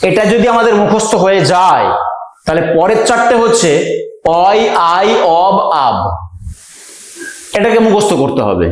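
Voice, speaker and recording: A man teaching an exam-prep grammar lesson, repeating key items slowly so students can memorize them. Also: high-pitched. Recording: very echoey room.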